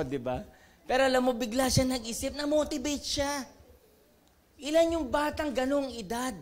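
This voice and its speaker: Lively Filipino man telling stories. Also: extremely high pitch. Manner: animated storytelling, acts out dialogue with laughs. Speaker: network marketing company president. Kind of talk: motivational seminar talk.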